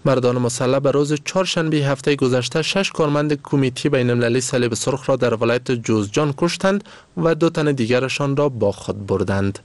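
A man's voice: mid-range voice, no echo. A man with an Afghan Dari accent reads a scripted radio news bulletin in a solemn, formal newsreader manner.

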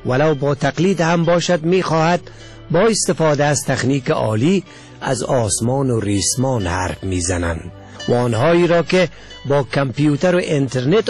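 Afghan dari-accented guy narrating an essay, lots of pitch movement, faint music behind. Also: a little mellow. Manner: measured, essay-like reading. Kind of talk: scripted narration.

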